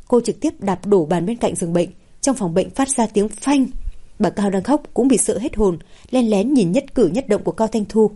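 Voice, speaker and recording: A woman's voice: mid-range voice, warm tone, husky. A woman reading a novel aloud as narrator. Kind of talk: scripted audiobook narration.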